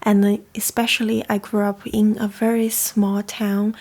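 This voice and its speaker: A young Chinese woman whose first language is Chinese hosts a coffee chat, talking in a casual, reflective way. Her mid-range voice is level and a little mellow, at a normal speed.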